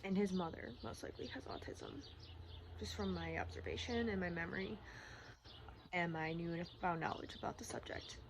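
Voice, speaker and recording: Halting, low-pitched woman over birdsong and noise. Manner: rambling, halting, repeats herself. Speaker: personal vlogger. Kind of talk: candid personal vlog talk. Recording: clearly noisy outdoor-like ambience, birdsong. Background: birdsong and environmental noise.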